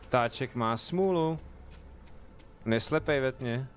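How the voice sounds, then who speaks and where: Joking around with his audience, a young Czech-accented streamer gives relaxed commentary on the game he is playing. His mid-range voice comes through over music.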